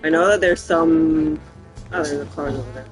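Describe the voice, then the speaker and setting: A man with a hoarse voice giving rambling, casual commentary as he plays a game. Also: a little high, normal speed, soft background music, poor audio. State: hoarse after recent surgery. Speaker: game streamer.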